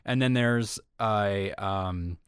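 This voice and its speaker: A man's voice: fairly low pitch, extremely slow, smooth, no room sound, clean studio sound. A man co-hosting an entertainment podcast, talking casually and rambling with lots of fillers. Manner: chatty, rambling with many fillers. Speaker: podcast co-host.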